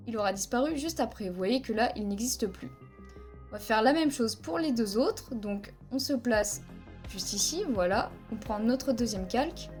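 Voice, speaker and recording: Using a headset microphone, a woman records a screen-captured video editing tutorial, counting frames out loud and explaining every step in plain terms. Her voice is a little high with a darkish tone.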